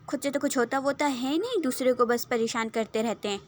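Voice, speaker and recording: A woman's voice: high-pitched, natural voice. A woman voicing a bossy young man who pushes and mocks. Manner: pushy, mocking.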